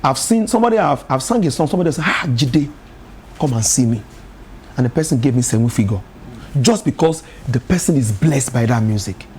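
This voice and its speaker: A Nigerian man with a Nigerian English accent, a gospel artist telling lively stories as a talk-show guest, often laughing and repeating words. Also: on the high side, a little hiss or hum. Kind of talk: casual talk show conversation. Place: television studio.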